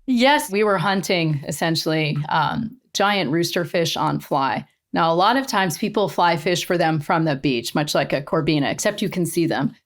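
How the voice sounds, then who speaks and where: Chatting casually as a podcast guest, this middle-aged woman, an Australian-born angler who grew up in the eastern US, shares stories eagerly and laughs frequently. She has a lowish, expressive voice, keeps a moderate pace and pauses little.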